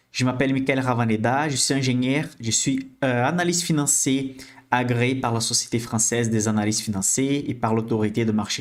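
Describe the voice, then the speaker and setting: A man speaking French with a Brazilian accent leads a live-streamed investing lesson. His delivery is chatty and conversational, and he keeps checking in with viewers as he goes. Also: medium pitch. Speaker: financial educator hosting a live stream.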